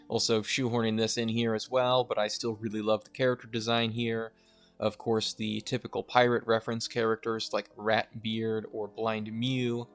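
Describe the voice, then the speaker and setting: A young adult man with a middle-pitched voice narrates a game retrospective. His delivery is scripted yet conversational, with faint music behind him. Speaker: video game essayist.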